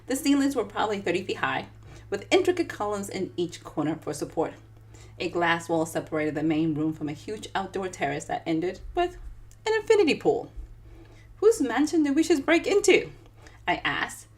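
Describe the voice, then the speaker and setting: During a live session, an author with a Dominican accent talks with viewers and then reads from her book. Her voice is on the low side and her pace moderate, while her manner stays chatty, animated and directed at the viewers.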